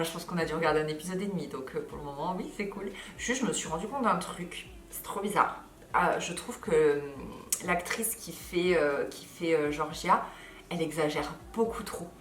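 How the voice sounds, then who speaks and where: A woman in her thirties talks casually to her viewers, tired and rambling with fillers and quick asides. Her voice sits a little low. The sound is roomy and picked up from a small distance. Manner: chatty, many fillers, animated asides. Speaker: lifestyle vlogger. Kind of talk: casual chat to camera. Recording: roomy echo, mic a bit far.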